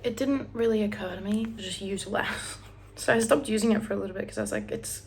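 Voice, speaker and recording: This young Australian woman talks fast at a medium pitch as she does her hair and makeup at home. A beauty vlogger with an Australian accent, she keeps up a chatty, rambling get-ready-with-me monologue, breaking into bits of songs and occasional whispers.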